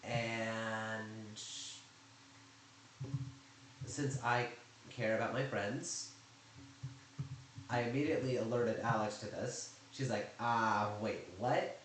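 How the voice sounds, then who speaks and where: Low-voiced man telling a rambling story. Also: fairly even intonation, slow, long pauses. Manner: rambling, chatty, with sarcastic asides. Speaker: YouTuber recounting server drama. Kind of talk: casual storytime chat. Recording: very echoey room, faint noise.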